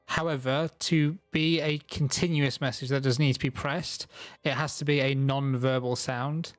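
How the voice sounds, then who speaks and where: A man's voice: mid-range voice, fairly even intonation, normal speed, dry recording. Casual man running a tabletop game. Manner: casual, loose, swears freely. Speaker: dungeon master.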